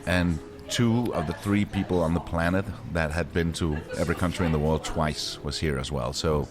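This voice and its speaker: A man hosting a podcast, chatting casually with a guest and telling stories in a relaxed way. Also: low-pitched, normal speed. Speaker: podcast host. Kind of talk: casual interview chat.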